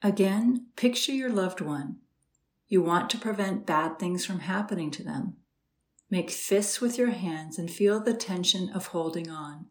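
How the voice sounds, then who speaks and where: A woman guiding a slow, soothing meditation with gentle instructions and long pauses. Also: fairly low pitch. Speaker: meditation guide. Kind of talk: guided meditation.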